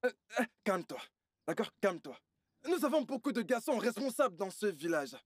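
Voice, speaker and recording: A woman's voice: mid-range voice, big pitch swings, fairly quick, darkish tone, slightly rough, no room sound, studio quality. A stammering, soothing village father. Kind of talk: dubbed film dialogue.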